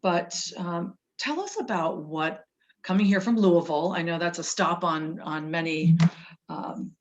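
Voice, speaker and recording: A woman's voice: fairly low pitch, unhurried. A woman hosting a podcast interview, asking friendly, prompting questions. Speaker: podcast host. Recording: dull, muffled podcast recording.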